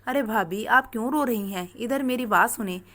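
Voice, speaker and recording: A woman voicing an eighteen-year-old brother-in-law who talks in a calm, matter-of-fact way. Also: a little high, normal speed, lightly acted. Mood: soothing.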